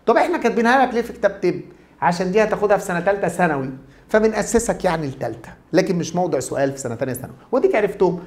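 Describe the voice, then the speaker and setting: In a brisk, chatty video lecture, a middle-aged Egyptian Arabic-accented man teaches German to a class, posing questions and supplying the answers himself. His voice sits high.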